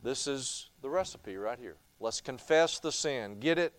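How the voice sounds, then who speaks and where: Folksy preacher, crisp dry voice. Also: male voice, mid-range voice, expressive, unhurried, dry recording. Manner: folksy storytelling. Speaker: pastor. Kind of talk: Bible study teaching. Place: church.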